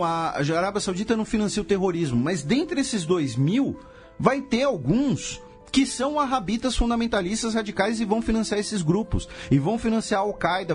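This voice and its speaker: Lively Brazilian podcast host explaining. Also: male voice, high voice. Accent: Brazilian Portuguese. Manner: lively, rhetorical questions, frequent "tá?" and "né?" asides, sarcastic. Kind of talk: casual explanatory podcast talk.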